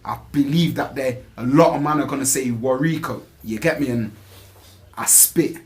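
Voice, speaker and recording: At normal speed and medium pitch, a rapper from Nottingham, England, speaks casually in an interview full of street slang. His Nottingham accent comes through, and he habitually tags phrases with "innit" and "you get me."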